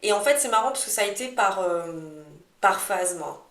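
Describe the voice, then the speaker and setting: A woman's voice: mid-range voice, animated, normal speed, a bit bright. A talkative woman co-hosting a podcast, chatting casually and drifting into digressions as she tells her own story. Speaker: astrology podcast co-host. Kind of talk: casual conversational chat about personal experience. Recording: echoey room.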